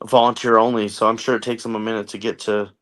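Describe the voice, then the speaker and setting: A man's voice: fairly low pitch, little pitch movement, fast talker, fairly bright tone. Chatty American man telling his story. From United States. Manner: conversational, jokey, filler-heavy storytelling. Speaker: podcast guest, army veteran. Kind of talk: casual storytelling interview.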